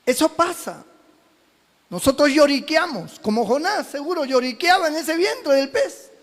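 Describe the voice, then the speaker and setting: A man's voice: very high voice, animated, measured pace, in a large hall. A man from Peru, a pastor preaching a sermon fervently, telling homely stories and calling out to the congregation.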